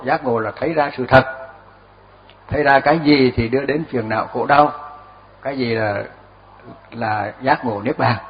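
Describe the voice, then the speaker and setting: An older Buddhist monk giving a relaxed dharma talk, telling stories with chuckles and repeating his words as he goes. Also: mid-range voice. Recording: dull lo-fi recording.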